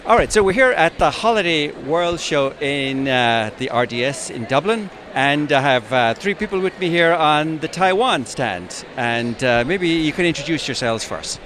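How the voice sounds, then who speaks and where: A man's voice: fairly high pitch, expressive, normal speed, few pauses, a bit bright, slight background noise. A man hosting a podcast interview at an exhibition stand, chatting and asking short prompting questions. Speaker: podcast host. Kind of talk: casual interview. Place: busy exhibition hall stand.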